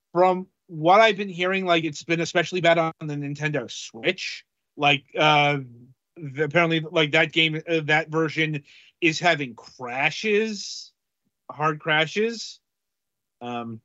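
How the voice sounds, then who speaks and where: A man co-hosting a casual game-review podcast, talking haltingly with many fillers. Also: fairly high pitch, bright, forceful tone, dry recording, muffled recording. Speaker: podcast co-host reviewing games.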